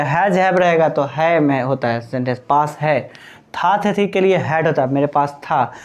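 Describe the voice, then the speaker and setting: A man's voice: on the high side, a little mellow. A male English teacher giving a classroom grammar lesson, mixing Hindi with English terms and answering his own questions to the class. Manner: explains by asking the class questions and answering them himself.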